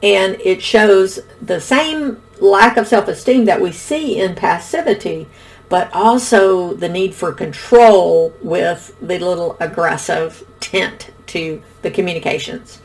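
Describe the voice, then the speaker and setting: A middle-aged woman explaining communication styles in a calm, instructional video lesson. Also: on the low side, slow, vocal fry. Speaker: relationship educator.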